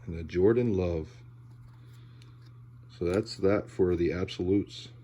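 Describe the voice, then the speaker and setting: Male hobby-video host, unhurried and low, laid-back commentary, heavy audible breaths between phrases. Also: dark tone, slight background noise. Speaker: host of a sports card pack-opening video. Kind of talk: casual unboxing commentary.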